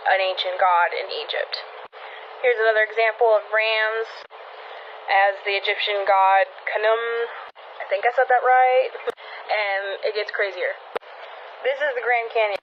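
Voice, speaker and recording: An excited woman talks over a series of pictures, leaning in as if letting you in on a secret and speeding up in quick bursts. The recording is slightly dull and lo-fi, with a faint hiss underneath. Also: medium pitch. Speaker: social media creator. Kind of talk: casual talk over pictures.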